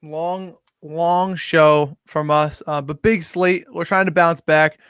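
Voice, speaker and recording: A man co-hosting a sports betting show, relaxed and laughing as he chats and signs off. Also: fairly high pitch, slow pace, clean tone, no echo, clean studio sound. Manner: relaxed, laughing, sign-off banter. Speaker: sports betting podcast co-host. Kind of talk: casual chat.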